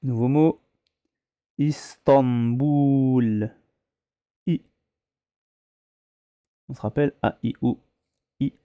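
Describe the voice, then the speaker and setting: A man's voice: mid-range voice, measured pace, long pauses, dry recording, highs cut off. A man teaching a reading lesson, spelling words out syllable by syllable and patiently correcting their pronunciation. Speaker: Arabic teacher.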